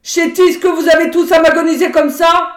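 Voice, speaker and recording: A woman voicing a harsh, sly peasant mother who whines in falsetto and breaks into furious shouting, in a dramatic audiobook reading. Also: animated, unhurried. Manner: whining falsetto turning to shouting. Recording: roomy echo.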